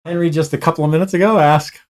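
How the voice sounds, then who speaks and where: A man's voice: fairly high pitch, steady tone, fast. A middle-aged man co-hosting a casual live online show, rambling with many hesitations and restarts. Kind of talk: casual live-stream chat.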